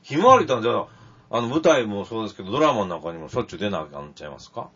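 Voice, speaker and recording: A man with a Kansai accent hosting a radio talk show, jokey, with quick interjections. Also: on the low side, big pitch swings, a bit bright, husky. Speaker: radio host. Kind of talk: casual radio chat. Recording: dull lo-fi radio recording.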